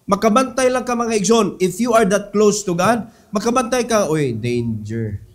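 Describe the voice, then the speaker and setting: A middle-aged male pastor with a Cebuano accent, preaching in a high voice. He swings from loud, ringing exhortation to soft, low asides, dropping English phrases into his sermon. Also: moderate pace.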